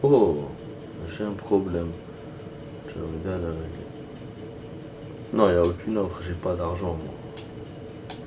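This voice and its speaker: A man's voice: deep voice, steady tone, takes it slowly, long pauses, noisy background. A man giving casual, joking gameplay commentary and laughing at himself. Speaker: gaming let's-player.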